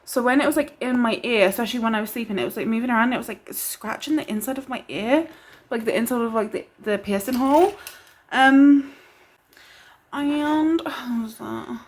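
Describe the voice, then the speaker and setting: Rambling, excitable young woman vlogger. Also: a little high, fast. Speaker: beauty vlogger. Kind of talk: casual chat to camera.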